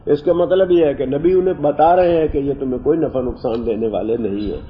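A man teaching a class on Quranic Arabic. He explains the grammar at length, wanders off topic, and recites verses slowly. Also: medium pitch. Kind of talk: classroom lecture on scripture and grammar. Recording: muffled lo-fi classroom recording with faint hiss.

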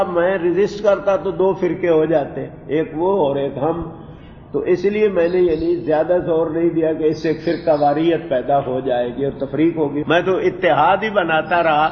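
A man teaching a Quranic exegesis lesson, explaining Arabic grammar word by word in a calm lecturing way. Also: on the high side, a little hiss or hum. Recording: dull roomy recording with long reverb.

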